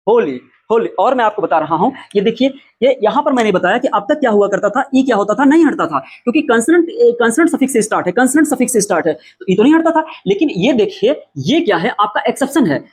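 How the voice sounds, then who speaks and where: A man's voice: high-pitched, breathy edge. A man teaching an English spelling lesson, who asks his own questions, answers them and repeats every point. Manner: spells out words letter by letter.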